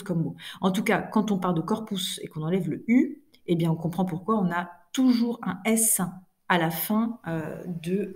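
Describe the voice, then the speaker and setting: A woman teacher records a lesson, correcting exercises for her pupils. Her voice sits a little low and sounds warm and mellow. She explains step by step, with frequent fillers and small restarts. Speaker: French teacher.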